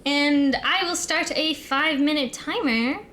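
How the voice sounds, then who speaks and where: High-pitched, cute anime-streamer young woman. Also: measured pace, sharp tone, slight background noise. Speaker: streamer and co-host. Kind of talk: casual livestream chat.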